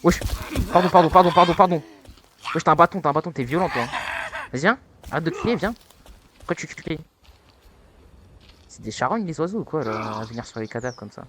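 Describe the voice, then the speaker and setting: A young man giving casual let's-play commentary, taunting and excitable, with sudden high-pitched yelps. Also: fairly quick, pauses often, background noise. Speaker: gaming youtuber.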